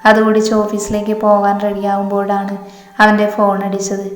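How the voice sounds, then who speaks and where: Woman narrating in a flat monotone. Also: mid-range voice, a little fast. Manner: steady, monotone reading. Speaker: storyteller. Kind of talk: story narration. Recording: echoey room, long reverb, faint music.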